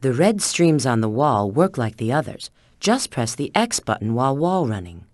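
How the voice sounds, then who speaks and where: A woman's voice: a bass voice, sing-song, moderate pace, darkish tone, no echo, studio quality. An actress playing a sly, confident female bat spy who coyly gives hints in a video game. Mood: coolly helpful. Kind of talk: video game character hint lines.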